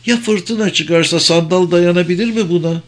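A man voicing a cheerful, caring young woman in an audiobook reading, lively and concerned. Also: high voice, normal speed, pitched above the performer's own voice, lightly acted. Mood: worried.

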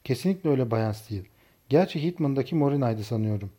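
Male reader voicing a smug rich young man, teasing, commanding, mellow low tone, audiobook. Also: animated, fast, slightly rough. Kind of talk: audiobook character reading.

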